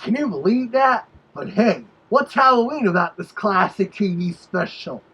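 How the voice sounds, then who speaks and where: A performer plays an opinionated cartoon wolf giving review commentary. The voice is rough and husky at a middling pitch, and the delivery is wry and picky about details. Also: very animated, moderate pace, fairly bright tone, highs cut off. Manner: nitpicking, wry asides. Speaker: reviewer, host. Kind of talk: review commentary over a played tape.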